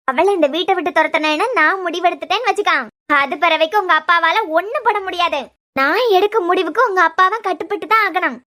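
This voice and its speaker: A cruel, scheming young bride-to-be from a cartoon serial, voiced by a woman, speaking in a Kanyakumari Tamil accent. Her voice sits very high and shrill. She scolds and threatens in a sneering, bossy way. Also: sharp tone.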